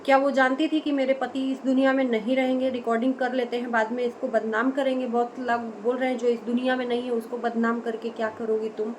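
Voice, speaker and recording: This Indian woman, an online commentator, talks fast with few pauses in a fairly high, level-toned voice, making forceful vlog arguments punctuated by rhetorical questions. The audio is poor, with noticeable noise behind her.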